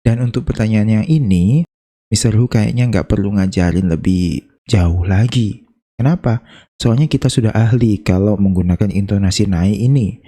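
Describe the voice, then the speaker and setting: Casual teacher with a very dark, mellow voice. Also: male voice, on the low side. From Indonesia. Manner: chatty, playful, slows down to demonstrate intonation. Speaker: English teacher. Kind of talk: casual spoken lesson.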